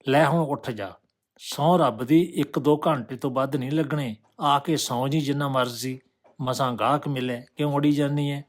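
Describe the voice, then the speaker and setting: A man's voice: medium pitch, fairly even intonation, moderate pace, natural voice. A man voicing a harsh male pimp who barks orders and then coaxes. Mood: coaxing. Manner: barking, then coaxing.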